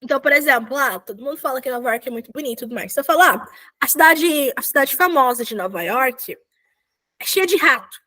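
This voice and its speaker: A woman's voice: high voice, animated, quick pace, bright, forceful tone. A young woman teaching a casual online language lesson, chatty and often correcting herself and checking in with students. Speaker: volunteer Korean teacher.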